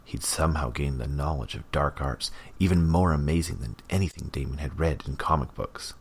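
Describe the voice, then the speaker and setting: A man narrating an audiobook in a measured, even way. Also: a bass voice, breathy edge.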